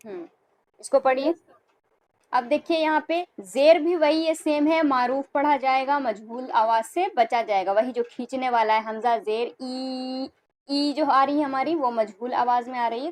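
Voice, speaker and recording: A woman teaching a recorded lesson on Arabic letter sounds, patient and repetitive, slowing down to model each sound. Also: sits high, darkish tone, poor audio. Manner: patient, repeats and checks with "ठीक है"; slows to demonstrate sounds, then speeds up. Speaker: Quran reading teacher.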